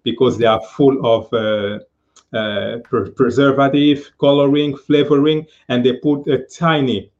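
A man in his fifties talks over a video call, earnest and halting, filling his pauses with "uh". His pitch sits in an ordinary middle range. The sound is a little dull and muffled, as video-call audio often is. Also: fairly even intonation, a little mellow. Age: 50s. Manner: earnest, halting with many fillers. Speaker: guest speaker. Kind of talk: casual live-stream interview.

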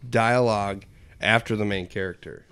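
A man's voice: fairly low pitch, fairly even intonation, normal speed, fairly bright tone, clean tone, faint music behind. A man in casual chat with friends, dropping dry, joking asides.

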